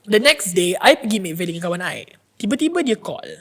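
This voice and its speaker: A woman's voice: medium pitch, fairly quick. A woman on a podcast panel, telling a personal story in casual chat, acting out the voices of the people in it and slipping into English now and then. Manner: animated storyteller, acts out quoted voices, mixes in English.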